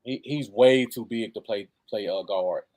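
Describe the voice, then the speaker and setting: A man's voice: lowish voice, a little slow, darkish tone. An American man chatting casually as co-host of a live football fan show. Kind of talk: casual live sports chat.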